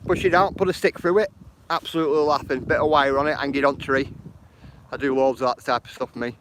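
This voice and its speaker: Lancashire bloke on a walking livestream, chatty, says bro and bruv a lot, phone mic outside, bit of faint noise. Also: male voice, mid-range voice, steady tone, fairly quick, fairly bright tone. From northern England. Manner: chatty, greets viewers by name; uses slang like bro and bruv. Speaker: live streamer. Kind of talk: casual walking live stream. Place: outdoors by water.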